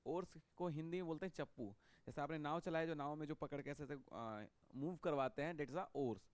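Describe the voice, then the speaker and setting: A male biology teacher gives a lecture. He talks at a somewhat raised pitch and often repeats terms while checking in with students. His voice is close and dry, with almost no room sound. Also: a little fast, clean tone, dry recording. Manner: repetitive, checks understanding with frequent "okay". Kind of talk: classroom lecture.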